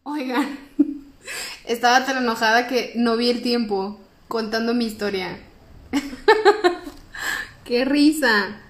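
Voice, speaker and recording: A young Mexican woman co-hosting a podcast, telling a story in lively casual chat and acting out the voices of the people in it. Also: on the high side, slow, long pauses. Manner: animated, acts out quoted voices, laughs often. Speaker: podcast co-host.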